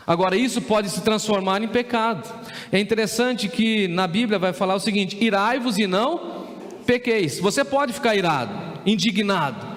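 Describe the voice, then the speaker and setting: A man's voice: high-pitched, a bit bright. A Brazilian man preaching a sermon as pastor, emphatic and putting rhetorical questions to the congregation. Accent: Brazilian Portuguese. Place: church sanctuary. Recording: long church reverb.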